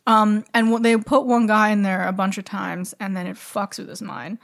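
A woman talking through a book on a podcast in a loose, blunt way, swearing as she goes. Her voice sits at a middle pitch with nothing unusual about it. She often breaks into laughter mid-sentence. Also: flat delivery, moderate pace, vocal fry. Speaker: podcast co-host. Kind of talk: casual book club chat.

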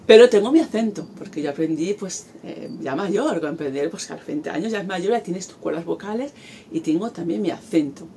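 A woman's voice: fairly low pitch, animated, a little fast, mellow, slight background noise. A woman in her forties from Spain with a Spanish accent, talking animatedly to camera outdoors in a garden and gesturing as she speaks. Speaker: vlogger. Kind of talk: casual talk to camera.

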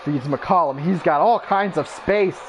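A man doing mock play-by-play basketball commentary for a gaming video, calling each play in brisk clipped bursts, his voice jumping up on big plays. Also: fairly high pitch, slight background noise. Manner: excitable, voice jumps up on big plays. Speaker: YouTube gaming creator.

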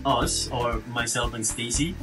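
A man's voice: mid-range voice, measured pace, poor audio. A man hosting a casual travel vlog, chatty and jokey, filmed on a handheld camera. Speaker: vlogger host. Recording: background music under speech.

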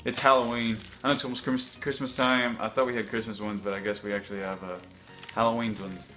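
A man's voice: fairly low pitch, little pitch movement, fast talker, pushed and bright, soft background music. A young man chatting casually to camera as a vlogger, rambling with unsure asides. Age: young adult. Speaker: YouTube vlogger. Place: home kitchen.

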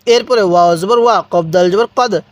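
A man with a Bangladeshi Bengali accent teaching Quran recitation, spelling out each syllable slowly and prompting listeners to repeat after him. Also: sits high.

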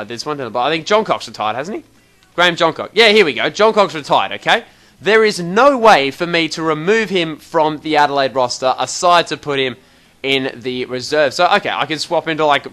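A man's voice: medium pitch, pushed and bright. A young Australian man giving a rambling, casual walkthrough of a game menu, chatty and mildly exasperated. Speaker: gaming video host. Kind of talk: casual game tutorial commentary.

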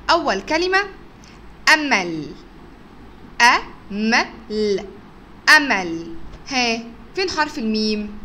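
Egyptian woman, kindergarten teacher, bright and lilting, drags out sounds slowly for small kids. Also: a little high, a little hiss or hum. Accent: Egyptian Arabic. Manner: stretches words out slowly to sound out letters, with frequent praise. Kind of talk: recorded phonics lesson for young children.

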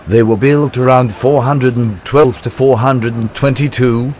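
A man's voice: mid-range voice, steady tone, a little slow, a little mellow, a little hiss or hum. An older man, narrating his travel video in a chatty, wry, self-deprecating way.

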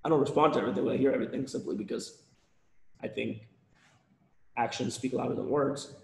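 A man's voice: mid-range voice, steady tone, fast, vocal fry, a little mellow. A man presenting on a live webinar, losing his voice, rambling with frequent restarts and repeated words. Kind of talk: casual live webinar talk. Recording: roomy echoey sound.

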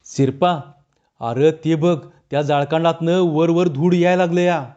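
A man's voice: a little high, steady tone, measured pace, a little mellow, clean tone, lo-fi sound, natural voice. A male narrator voicing a frightened village man sneaking out to steal crops, speaking. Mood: uneasy.

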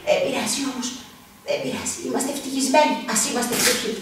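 A woman's voice: high voice, fairly even intonation, background noise, natural voice. A woman voicing a poor, cheerful, kind fisherman in a school puppet show, chatting to the audience. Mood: content. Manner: jolly, chatty, talks to the audience. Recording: echoey room, far from the mic.

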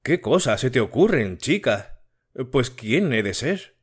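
An evasive young suitor with a brusque, dismissive edge, played by a male audiobook reader. The voice stays close to the reader's own, unhurried and mid-pitched. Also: big pitch swings, slightly rough. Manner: curt, dismissive. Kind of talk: audiobook character reading.

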